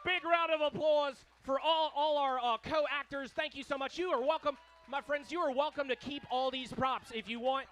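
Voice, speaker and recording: A man's voice: very high voice, fairly even intonation, normal speed, a bit bright, faint music behind. A man hosting a live event on a handheld microphone, upbeat and rambling as he talks to the crowd. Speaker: event host. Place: live music venue.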